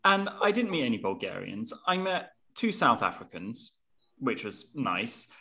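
Young man, mid-range voice, lively self-mocking storyteller, video call from home. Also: mid-range voice, measured pace, vocal fry. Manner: animated, self-mocking, acts out quotes. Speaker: podcast co-host. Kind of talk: casual storytelling. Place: room at home.

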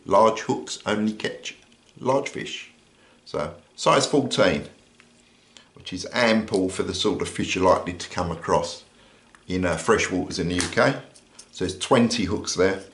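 Indoors at a table, an older British man casually demonstrates a survival kit, going through each item and pausing with "uh" now and then. His low voice is reverberant, and the overhead camera stays on his hands, leaving him off frame.

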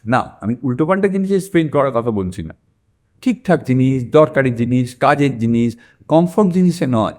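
A man's voice: mid-range voice, animated, moderate pace, darkish tone. A sixty-year-old man gives a reflective self-help talk as a mind coach, earnestly repeating phrases for emphasis. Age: 60s.

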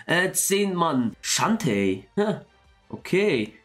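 A young man giving excitable let's-play commentary, quick to exclaim and swear as he plays. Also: a little high, faint music behind. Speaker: gaming YouTuber.

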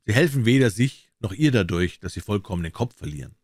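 A man voicing a seasoned defense lawyer in a read-aloud crime story, kindly and measured as he explains. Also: fairly low pitch, animated, no echo, studio quality. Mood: consoling. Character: seasoned older male defense lawyer, calm.

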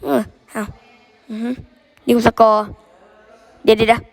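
A hoarse male gaming host giving excitable, rambling gameplay commentary and repeating words in quick bursts. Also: high voice. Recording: reverberant room with game music. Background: game music.

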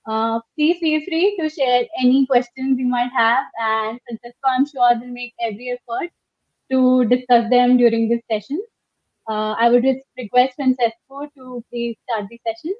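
A woman's voice: a little high, steady tone, moderate pace. A young woman in her twenties, a student host, reads out formal introductions of the guests over a video call. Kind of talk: scripted introduction. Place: home room, indoors. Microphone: video call webcam. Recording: muffled lo-fi video call audio.

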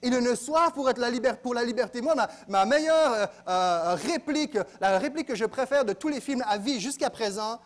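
A man preaching a sermon in a church, dropping to quiet asides and then rising to loud exclaims. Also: very high voice, lively intonation, fairly quick, hardly any pauses. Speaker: pastor.

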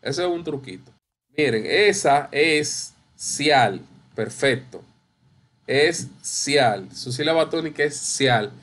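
A middle-aged male teacher walks students through their exercises in an unhurried way, drawing out each stressed syllable and repeating words for emphasis. His voice sits a little high for a man, and he speaks very slowly. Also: expressive, a bit bright. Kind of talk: online class correcting exercises.

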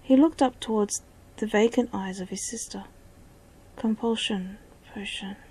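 A woman reads a fantasy story aloud in whispered storytelling, often dropping to a whisper. Her voice is breathy and mellow. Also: mid-range voice, normal speed, rough recording. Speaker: narrator.

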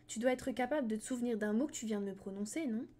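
A woman reading aloud and voicing a spirited, sharp-tongued teenage girl close to her own voice. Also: a little high, quick pace, close to an everyday voice. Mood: stern.

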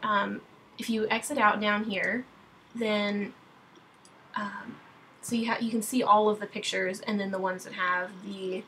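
A young woman, a wedding photographer, talking through a software tutorial over a screen recording in a casual, rambling way with many ums and restarts. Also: mid-range voice, little pitch movement, measured pace, slight background noise, low-quality recording. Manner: chatty, many ums and restarts, self-correcting. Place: at her computer, screen recording.

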